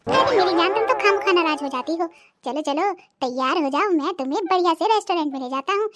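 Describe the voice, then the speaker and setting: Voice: very high-pitched, expressive, fast talker, heavy background noise. A voice artist playing a henpecked older cartoon husband who teases his wife and complains about her. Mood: teasing. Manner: mocking, wheedling, complaining. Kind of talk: cartoon voice acting.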